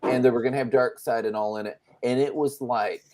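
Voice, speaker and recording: A man's voice: medium pitch, fairly even intonation, a little fast, a little mellow, slight background noise. A male podcast co-host in casual chat, chatty as he retells show plots.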